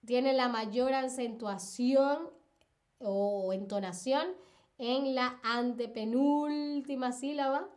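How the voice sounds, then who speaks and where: Female teacher, high voice, unhurried delivery, patient live-stream lesson with lots of repetition. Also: darkish tone. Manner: patient, repeats examples and asks "¿ok?".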